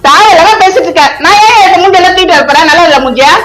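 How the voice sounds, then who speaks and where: Nagging cartoon mother, shrill and quick, voiced by a woman, roomy sound, music bed. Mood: scolding. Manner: scolding, nagging. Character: sharp-tongued cartoon mother, thrifty and scolding. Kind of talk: fan-made cartoon dub.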